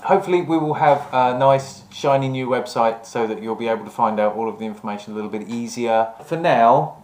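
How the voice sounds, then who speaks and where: A man's voice: mid-range voice, brisk, a little mellow. A man hosting a casual, rambling, jokey chat about vintage events. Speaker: host. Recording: roomy, echoing room sound.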